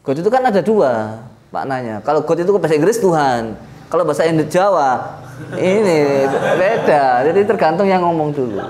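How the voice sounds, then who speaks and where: A man's voice: fairly high pitch, big pitch swings, a little fast, crowd noise. A man teaching at an Islamic study session, mixing Arabic recitation with joking explanation. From Indonesia. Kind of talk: religious study lecture.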